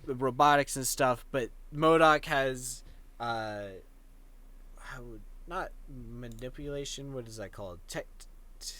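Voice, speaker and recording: A man's voice: mid-range voice, unhurried, fairly bright tone, slight background noise. A man co-hosting a podcast in casual chat, rambling and playful as he riffs on a topic. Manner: rambling, playful, gestures while talking. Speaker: podcast co-host.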